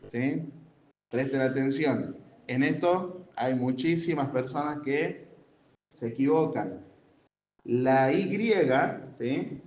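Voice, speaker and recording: A man's voice: medium pitch, a little mellow. A man teaching a Sunday school grammar class, explaining step by step with examples and often checking that students follow. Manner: keeps checking understanding with tag questions. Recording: roomy, dull lo-fi with faint room noise.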